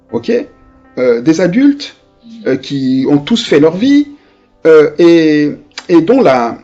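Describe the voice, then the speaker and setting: Animated, husky-voiced male pastor preaching. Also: a little high, highs cut off. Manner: conversational, with many hesitations and restarts; animated, acting out voices of people in his stories. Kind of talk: sermon.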